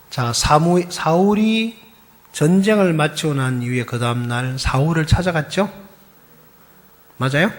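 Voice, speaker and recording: A male pastor preaching a fiery sermon, quizzing the congregation and swinging from shouts to hushed whispers. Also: a little high.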